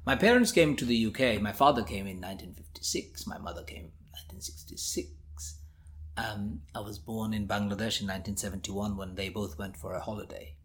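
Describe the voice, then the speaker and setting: A man in his forties, raised in the United Kingdom, answers an interviewer with his own memories. He speaks with intense emphasis in a somewhat low voice. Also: a little fast. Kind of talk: personal recollection in an interview.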